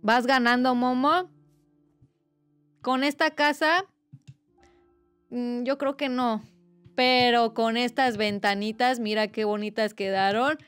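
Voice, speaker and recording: A woman's voice: a little high, fairly even intonation, takes it slowly, pauses often, a bit bright, clear, resonant tone, no echo, faint music behind. A young woman, streaming a game and chatting casually, reading viewers' messages aloud in a playful, teasing way. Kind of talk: casual livestream chat while gaming.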